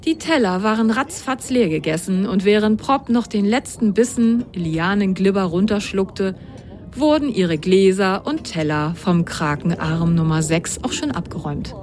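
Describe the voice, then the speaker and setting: A woman's voice: mid-range voice, normal speed. Woman reading a children's story. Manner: lively, expressive storytelling. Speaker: narrator.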